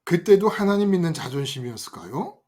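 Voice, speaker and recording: Older male pastor, high-pitched voice, animated sermon storytelling, addresses the congregation. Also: brisk. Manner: animated, acts out quoted voices and addresses listeners directly.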